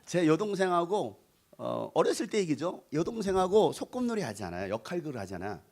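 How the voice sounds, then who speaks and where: A middle-aged man from North Jeolla preaching a revival sermon in a church. His voice sits high and swings widely in pitch, and he tells stories in a playful, animated way, sometimes acting out voices and joking with the crowd. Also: fairly quick. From Korea, North Jeolla. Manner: animated and playful, sings snatches of song and acts out voices; jokes with the congregation and asks them to raise hands. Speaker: pastor. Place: church sanctuary.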